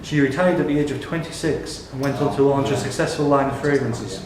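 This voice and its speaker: At a quiz tournament in a large pub, a male host reads the questions aloud at a brisk clip, in a scripted question-and-answer format. His voice is mid-range, and the echoing room carries the hum of crowd chatter.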